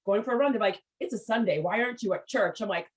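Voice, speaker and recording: A woman hosting a casual business interview, telling stories with lively acted-out quotes. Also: medium pitch, fast talker, low-quality recording. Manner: animated storyteller, acts out quotes. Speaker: podcast host.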